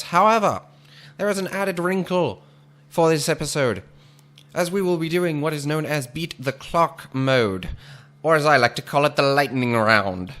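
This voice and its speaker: A man's voice: mid-range voice, fairly bright tone, lightly acted. A man playing a pompous 1940s radio announcer, speaking in a formal, wordy, theatrical old radio style.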